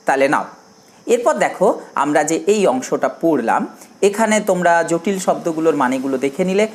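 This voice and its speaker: A woman's voice: sits low, darkish tone. A woman teaching an English lesson to young children, spelling out words letter by letter. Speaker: primary school teacher.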